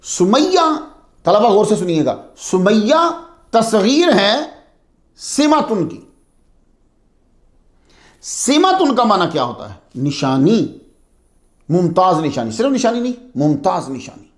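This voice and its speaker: A male religious teacher with a fairly high voice that swings up and down a lot as he lectures his students. He poses rhetorical questions, answers them himself, and repeats key terms to drive them home. The room around him sounds echoey. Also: very animated, slow, pauses often.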